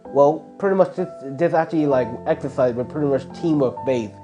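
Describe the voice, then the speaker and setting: Guy rambling thru a fan story, kinda high voice, soft mellow tone, lots of um and like. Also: fairly quick, faint music behind. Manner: rambling, heavy filler words and restarts. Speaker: fan fiction narrator. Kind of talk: casual improvised story narration.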